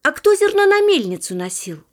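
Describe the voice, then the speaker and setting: A woman voicing a hardworking, patient little male rooster in a storybook reading, calling out brightly. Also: high voice, very animated, brisk, pitched above the performer's own voice. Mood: questioning. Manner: calling out brightly, stern when questioning.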